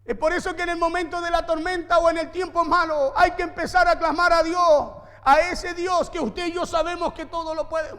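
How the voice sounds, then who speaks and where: High-voiced pastor preaching. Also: male voice, level tone, normal speed, hardly any pauses, a bit bright, long reverb tail. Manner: emphatic preaching with repeated phrases and rhetorical questions. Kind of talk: sermon. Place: church.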